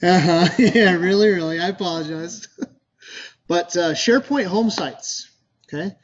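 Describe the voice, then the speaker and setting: A man's voice: sits high, measured pace, dull audio. A man giving a casual, loosely worded talk to a user group, full of fillers and restarts. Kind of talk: casual presentation to a meetup.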